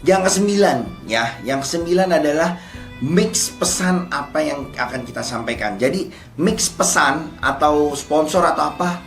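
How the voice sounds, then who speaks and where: A man's voice: on the high side, echoey room. A man, an MC, giving slangy, casual public speaking tips. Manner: loose slangy teaching, bursts into loud showy MC announcer demos. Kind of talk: casual instructional talk.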